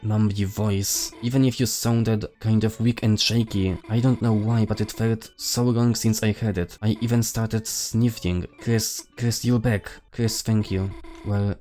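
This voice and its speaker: Give me a shy young deer girl in a video game, stammering and unsure, read out by a man in a low, mellow voice. She halts and trips over her words, timid to the core. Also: steady tone, a little slow, soft background music, lightly acted. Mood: shaken.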